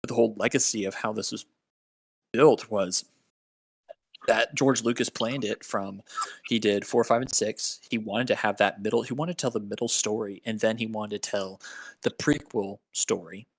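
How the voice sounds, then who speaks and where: A young man with a low, gravelly voice talks on a casual podcast, rambling and full of "um"s and restarts. The sound is dry and close. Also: fairly even intonation, normal speed, dry recording. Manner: rambling, filler-heavy, restarts. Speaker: podcast co-host.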